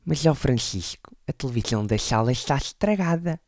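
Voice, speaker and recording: A man's voice: medium pitch, lively intonation, fairly quick, a little mellow, no echo, clean studio sound, pitched above the performer's own voice, natural voice. A man doing his stern nagging mother. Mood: insistent. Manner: insistent, scolding. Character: stern nagging mother, middle-aged woman.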